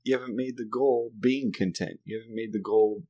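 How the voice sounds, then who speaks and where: A man's voice: medium pitch, fairly even intonation, a little fast, warm tone. A man in his thirties, a father, telling a story in casual chat, laughing often and swearing casually.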